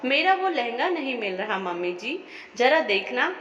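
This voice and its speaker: A woman's voice: on the high side, sing-song, a little slow. A woman doing a weary young daughter-in-law. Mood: plain asking. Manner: soft, weary. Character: tired young working daughter-in-law, quiet and patient. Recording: echoey, dull lo-fi room.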